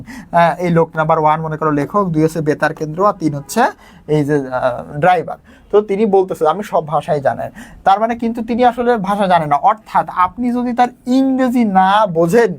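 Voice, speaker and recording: Fast-talking tutor, man. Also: high voice. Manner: casual, talks quickly, checks in with students often. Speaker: teacher. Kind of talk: exam lesson explaining a Bangla story.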